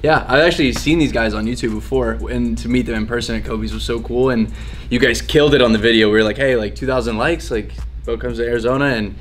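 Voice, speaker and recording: A man's voice: mid-range voice, fairly even intonation, quick pace. A man in his twenties chatting casually in slang as a guest in a vlog shot in a shop. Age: 20s. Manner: vlogger-style chat, slangy. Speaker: vlog guest, sneaker reseller. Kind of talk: casual chat. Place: indoor sneaker shop. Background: music.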